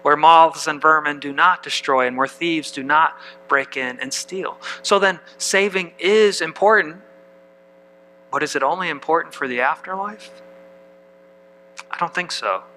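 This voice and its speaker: A man's voice: a little high, a little slow, sharp tone, slight background noise, rough recording. A man preaching a sermon as pastor, reading scripture aloud and putting questions to the congregation.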